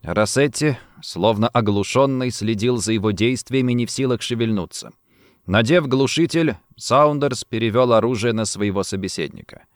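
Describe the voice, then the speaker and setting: A man reading a thriller aloud as audiobook narrator, with an even storytelling delivery. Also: mid-range voice, normal speed, no echo, studio quality. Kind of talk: scripted narration.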